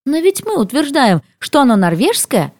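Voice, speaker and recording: A woman's voice: a little high, big pitch swings, a little slow, dark tone, no room sound, studio quality, pitched above the performer's own voice. Flustered anxious young woman, voiced by a woman reader. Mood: dejected.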